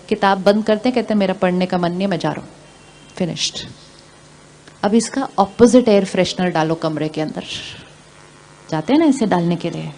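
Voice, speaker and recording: Woman, spiritual teacher, calm and gentle talk, asks the audience questions, repeats phrases slowly, mid pitch, faint background noise.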